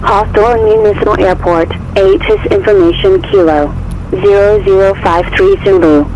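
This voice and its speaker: A man's recorded airport weather broadcast played over an aircraft radio, read in a steady, measured way. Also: sits high. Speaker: automated airport information announcer. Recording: muffled radio audio with faint noise.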